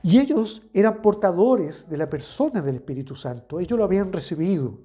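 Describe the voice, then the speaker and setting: A woman's voice: lowish voice, expressive, a little fast, warm tone, breathy edge. A woman giving a devotional sermon, explaining scripture step by step and asking the listener rhetorical questions. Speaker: preacher.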